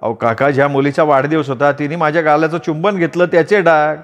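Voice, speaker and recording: A man's voice: on the high side, steady tone, fairly quick, in a large hall, lo-fi sound, lightly acted. A man voicing a clumsy, guilty husband who pleads and fumbles for excuses. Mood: pleading.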